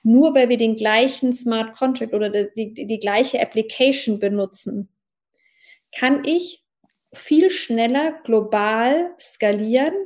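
A woman with a slightly high voice answers an interview as an expert, explaining at length. She hesitates often and fills her pauses with "ähm" as she searches for words. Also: darkish tone. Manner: many fillers, explanatory and thoughtful. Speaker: blockchain expert guest.

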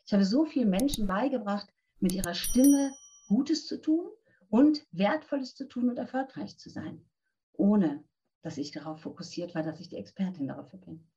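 A woman's voice: medium pitch, lively intonation, normal speed, warm tone, highs cut off. A woman in her fifties, a voice coach, answering interview questions in an earnest, direct way and giving practical tips. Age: 50s. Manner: earnest, direct, addresses listener with instructions.

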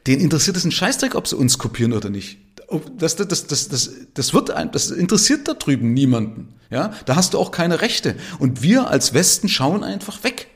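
A man's voice: on the high side, very animated, a little fast. A man in his fifties hosting a solo podcast, talking in an emphatic, conversational way with frequent tag questions. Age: 50s. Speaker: podcast host. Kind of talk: casual monologue podcast.

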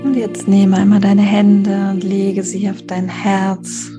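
A woman guiding a meditation in a soothing, measured, slow way with long pauses. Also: medium pitch, monotone. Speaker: podcast host and meditation guide. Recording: music bed behind the voice. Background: music.

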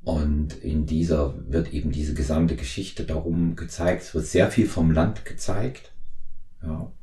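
A man in his fifties hosting a podcast interview, talking in a halting way with many fillers and restarts. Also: a bass voice, steady tone, dark tone, echoey room. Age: 50s. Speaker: podcast host. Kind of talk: conversational interview.

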